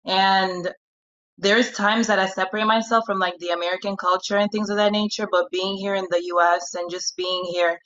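A woman's voice: medium pitch, steady tone, moderate pace, a bit bright, muffled recording. A woman in her late twenties from Congo, calling in and speaking earnestly with lots of "like" and "um". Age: 20s. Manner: earnest, reflective, lots of fillers. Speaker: caller.

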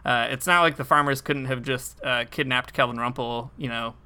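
Bright, clear-voiced man chatting casually. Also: mid-range voice, fairly even intonation, normal speed. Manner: laughs often, with many fillers and restarts. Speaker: podcast co-host. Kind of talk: casual chat about a TV episode.

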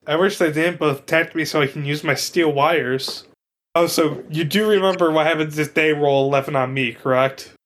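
A man's voice: on the high side, normal speed, a bit bright. A man playing a tabletop game, explaining his character's rules with a joking tone. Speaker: player.

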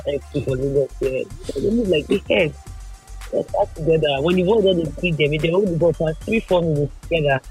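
A man with a Nigerian accent, a football pundit guest in casual chat, his voice muffled as if heard through a wall because his mouth is pressed right on the mic. He mixes pidgin into quick, lively analysis. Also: a little high.

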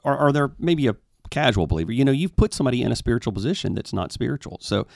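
A man's voice: mid-range voice, expressive, creaky, no room sound, studio quality. A man who leads in a church, speaking carefully and with some hesitation in a casual conversation. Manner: careful, hesitant, measured phrasing.

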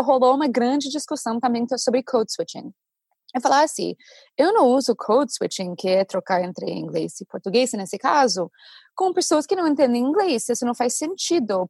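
A woman's voice: a little high, breathy edge, no echo, clean studio sound. A Brazilian woman, an English teacher and content creator, talking animatedly in a casual chat, with lots of fillers. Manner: animated, talks fast with many fillers.

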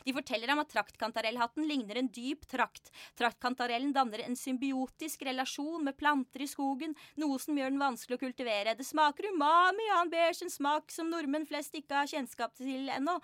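Bright, high-voiced woman reading her book. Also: no echo, clean studio sound. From Norway, Drammen. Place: radio studio.

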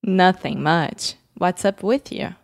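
A woman's voice: on the low side, takes it slowly, creaky. A woman co-hosting a language lesson, practicing short dialogues and adding encouraging remarks. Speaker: co-host. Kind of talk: bilingual lesson chat.

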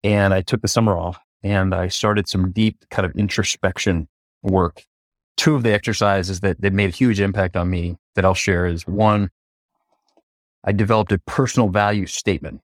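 A middle-aged man from Atlanta, a coach giving an interview, who tells stories in an animated way and acts out the quoted dialogue. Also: low-pitched, moderate pace, no room sound, clean studio sound. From Atlanta, USA. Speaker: coach and facilitator, interview guest. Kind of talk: conversational interview storytelling.

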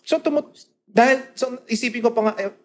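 A man's voice: very high-pitched, fairly quick. A man in casual conversation who agrees often and restarts his sentences. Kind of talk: casual chat.

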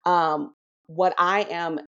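A woman sharing her faith testimony in a podcast conversation, animated and preacherly, often checking in with "right?". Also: on the low side, takes it slowly, muffled recording. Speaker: podcast guest.

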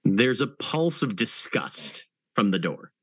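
A man with a fairly low voice runs a tabletop game as its storyteller. He narrates slowly, filling the gaps with thoughtful hums. His voice sounds dry and close, with no room echo. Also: big pitch swings, breathy edge. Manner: unhurried, with many thinking pauses. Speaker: game master.

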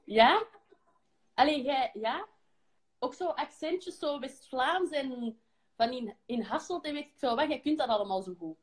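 Flemish woman, young, high pitch, lively self-mocking chat, phone mic. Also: unhurried. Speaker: pop group member hosting a live stream. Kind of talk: casual chat. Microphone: phone on a live stream.

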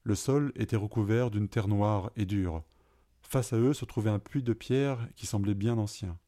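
A man reading an adventure story aloud in a calm, even narrating voice. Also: on the low side, moderate pace.

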